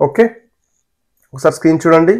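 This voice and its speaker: A man teaching a German language lesson, slowly repeating words for learners to copy. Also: on the high side, a little mellow.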